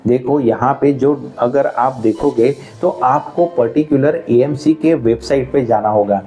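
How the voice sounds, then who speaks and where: A man talks through money matters in a relaxed, conversational manner, building his points step by step. His voice is warm and dark. Soft background music runs faintly under his speech. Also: medium pitch, a little slow. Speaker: finance educator. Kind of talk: explainer video.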